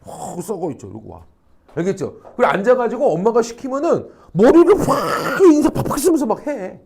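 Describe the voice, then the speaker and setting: Animated male teacher lecturing a class. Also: very high voice, fairly quick, slightly rough. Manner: animated, acts out quoted people, frequent rhetorical check-ins, salty slang. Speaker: high school social studies teacher. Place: academy classroom.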